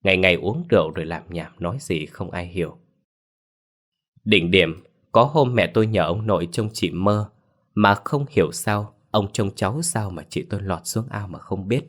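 A deep-voiced man narrates a scripted ghost story. He tells it in a steady, measured way, with a low pitch.

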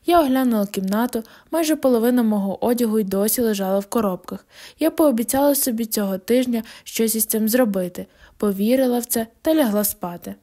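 A woman narrating a novel as an audiobook in a steady, wry storytelling manner. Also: a little high.

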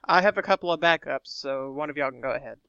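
Podcast host, male, bright tense voice, dry lo-fi sound, chatty and halting. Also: a little high, smooth, no echo. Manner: chatty, repeats words while thinking. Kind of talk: casual chat.

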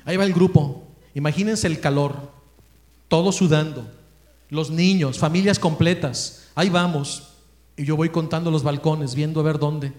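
A high-pitched man with a Mexican accent tells a story during a religious talk, lively and animated. He acts out the voices of the people in his story. The recording has a roomy echo. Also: normal speed. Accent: Mexican Spanish.

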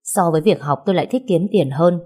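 A woman reads a first-person novel aloud, steady and somber. Her voice sits low and mellow, with a husky, breathy edge. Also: fast. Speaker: audiobook narrator.

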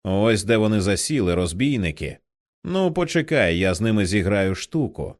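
Guy reading a bold young man in a storybook, brisk and determined, lowish lively voice. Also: no echo, clean studio sound.

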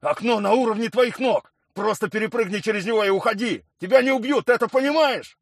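A stern army colonel, as a male audiobook reader voices him, barking clipped orders in a high, strained register. His commands are loud and hard-edged. The sound is dry and close, with no room around it. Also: quick pace, dry recording. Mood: shouting orders.

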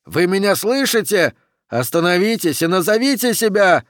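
A man voicing a stout, panicking police captain who shouts orders and whose voice cracks to a squeal. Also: on the high side, normal speed, dry recording, studio quality, voice pushed up, lightly acted. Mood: panicked shouting.

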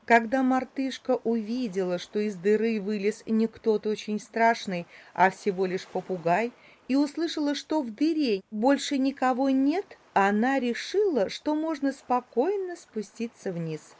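A woman narrating a children's animal story in a calm, even storytelling manner. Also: fairly high pitch, measured pace. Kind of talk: storybook narration read aloud.

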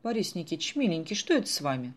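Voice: mid-range voice, very animated, quick pace. A reader voicing a fussing elderly saleswoman in a storybook who talks in a solicitous, worried way.

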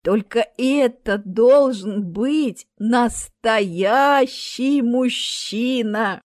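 A woman voicing a stubborn, sharp-tongued old lady who draws her words out slowly. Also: on the high side, no room sound, studio quality. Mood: picky.

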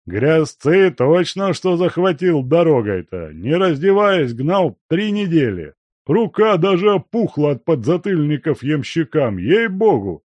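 A man voicing a hoarse, blunt old gray-haired male gold miner who talks coarsely and teases. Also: fairly high pitch, sing-song, unhurried, darkish tone, dry recording, voice pushed up. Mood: gruff.

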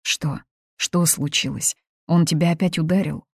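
A woman's voice: low voice, steady tone, normal speed, vocal fry, breathy edge, no echo, studio quality, exaggerated voice. A woman reading aloud, voicing a blunt, matter-of-fact young woman friend. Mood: puzzled. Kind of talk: audiobook reading.

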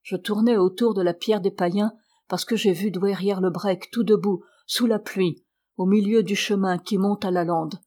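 A woman's voice: mid-range voice, fairly even intonation, moderate pace, mellow, natural voice. A woman reading the part of a frightened, feverish old male servant with a trembling, quavering voice.

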